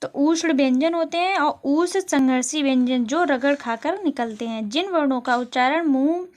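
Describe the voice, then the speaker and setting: A woman with a high voice is giving an exam-prep lesson. She reads out each question, explains the answer, and goes over the key terms a second time. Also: normal speed, darkish tone. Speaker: teacher.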